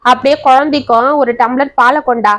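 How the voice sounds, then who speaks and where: A woman's voice: high voice, steady tone, fairly quick. A woman voicing a kind, protective old grandmother who coaxes and comforts a child. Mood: coaxing. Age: older. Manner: gentle, coaxing, worried.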